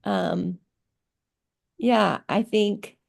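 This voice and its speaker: A middle-aged woman who grew up in Thailand, working as a teacher, gives casual interview answers over a video call. She speaks slowly and thoughtfully in a relaxed way, with many pauses and fillers as she gathers her thoughts. Her medium-pitched voice has a gravelly, creaky texture.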